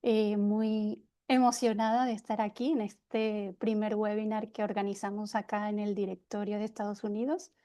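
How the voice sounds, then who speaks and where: A middle-aged woman from Venezuela with a Venezuelan accent, speaking reflectively as a webinar panelist, often pausing and restarting. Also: medium pitch, darkish tone. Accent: Venezuelan Spanish. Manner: reflective, many hesitations and restarts. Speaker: panelist, personal development consultant. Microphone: video call.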